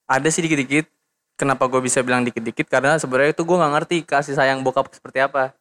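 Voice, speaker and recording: Deadpan young man. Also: medium pitch, very fast. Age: 20s. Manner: deadpan joking, slangy. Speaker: podcast guest. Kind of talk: casual podcast chat.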